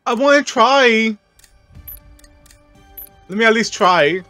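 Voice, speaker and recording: A man's voice: high voice, expressive, slow, bright, forceful tone, no room sound, faint music behind. A man doing casual, slangy gameplay commentary, talking to the characters on a close microphone. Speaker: gaming streamer.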